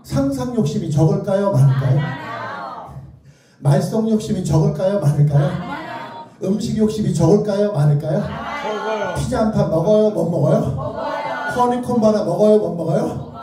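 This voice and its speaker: In a very echoey indoor lecture hall, picked up by a distant mic with music in the background, a man's high, animated voice moves at a moderate pace with frequent pauses. He's a children's author lecturing interactively, playfully and theatrically putting either-or questions to his audience.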